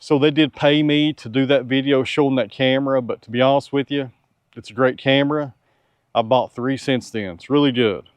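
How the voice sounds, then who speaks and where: A man's voice: medium pitch, steady tone, normal speed, clean tone, dry recording. Tired sawmill man, folksy and frank, mid-range voice, dry sound. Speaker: sawmill owner and channel host. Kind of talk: casual Q&A with viewers. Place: outdoors on a farm.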